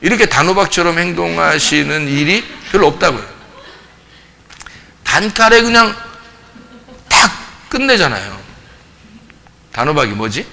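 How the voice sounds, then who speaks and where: In a church, a man teaches an informal Bible study, his voice on the high side and creaky, with a measured pace and frequent pauses. There's a faint hiss or hum. This pastor is lively, dramatizing passages and asking the group questions.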